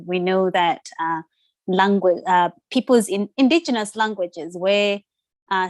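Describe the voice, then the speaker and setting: A woman's voice: medium pitch, dry recording. A woman, a Ndebele speaker, talking as an interview guest in a reflective, hesitant way. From Zimbabwe. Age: 30s. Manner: reflective, hesitant with many fillers. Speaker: guest, social worker. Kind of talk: conversational interview.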